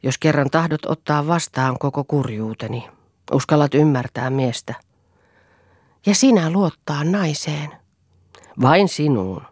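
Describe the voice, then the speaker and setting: A woman's voice: low voice, animated, pauses often, a little mellow, slightly rough, no echo, studio quality. A woman voicing a brooding, bitter male writer who speaks in a confiding, world-weary way. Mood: earnest.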